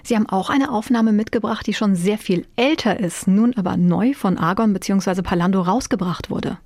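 Female radio host, medium pitch, dry, composed and informative. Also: fairly quick, a little mellow, dry recording. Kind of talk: radio book talk.

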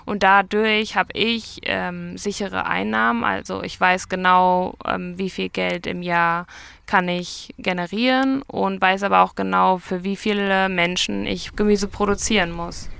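A market gardener in her twenties answers interview questions outdoors at a vegetable field, chatty and often correcting herself. Her medium-pitched voice is steady, unhurried, gravelly and a bit bright, with a clear, resonant tone and no echo.

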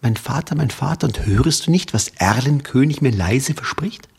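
A man's voice: medium pitch, lively intonation, normal speed, gravelly, darkish tone, slightly rough, full character voice. A man playing a terrified young boy. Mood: frightened. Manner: urgent, pleading cries. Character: terrified young boy in his father's arms.

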